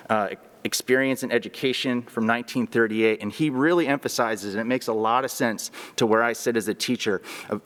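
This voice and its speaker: A man, a teacher, giving a formal presentation to a school board. He explains his ideas earnestly, with frequent pauses and restarts. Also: medium pitch, a bit bright, in a large hall. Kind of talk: formal presentation at a public meeting. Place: school board meeting room.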